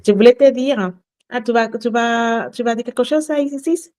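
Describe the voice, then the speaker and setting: A woman's voice: on the high side, moderate pace, darkish tone. A woman from Latin America, a native Spanish speaker with a Spanish accent, earnestly leading a casual sales training session and often repeating herself. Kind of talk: casual group training call.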